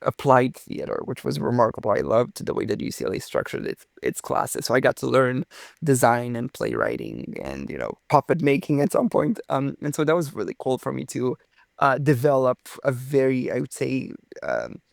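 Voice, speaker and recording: A young Romanian physicist tells his story in an interview with warm enthusiasm and a fondness for theatrical phrasing. His mid-range voice has a noticeable gravelly fry and huge pitch swings at normal speed. The sound is close and dry, with no room sound.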